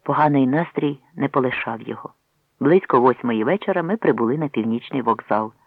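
A man reads a novel aloud fairly quickly, shifting his pitch to voice the characters in this audiobook-style reading with acted dialogue. There's no echo, but the recording sounds tinny and phone-like.

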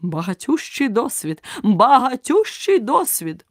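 A woman voicing an eccentric, clumsy male knight in an audiobook, speaking slowly with earnest self-importance. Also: medium pitch, no room sound, studio quality, natural voice. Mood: solemn. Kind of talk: audiobook character reading.

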